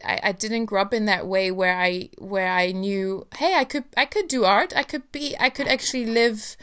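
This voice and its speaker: A woman's voice: mid-range voice, moderate pace, a bit bright, clean tone. A woman hosting a casual interview, speaking in an effusive, gushing manner. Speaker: podcast host.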